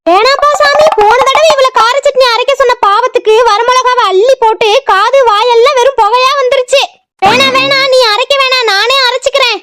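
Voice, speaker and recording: A bossy mother-in-law who scolds and gives orders, voiced by a woman. Her cartoon voice is very high, with a southern Tamil Nadu accent. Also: moderate pace, fairly bright tone, dry recording, clean studio sound. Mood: scolding. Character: bossy middle-aged mother-in-law, complaining. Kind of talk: cartoon voice acting.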